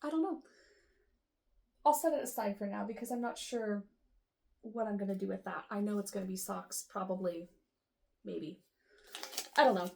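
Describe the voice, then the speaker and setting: A woman hosting a knitting show, sorting yarn and thinking aloud in a casual, unsure way, with a rough morning voice. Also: medium pitch, steady tone, moderate pace, pauses often, dark tone. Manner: musing aloud, unsure, lots of ums and trailing off. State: rough morning voice with the odd cough. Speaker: knitting podcast host.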